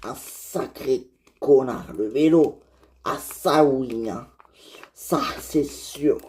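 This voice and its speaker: A woman voicing a clumsy, grumpy man on a bike who groans in pain and grumbles loudly. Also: very deep voice, drawn-out words, pitched below the performer's own voice, full character voice. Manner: loud grumbling, pained groans. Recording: loud electronic music behind.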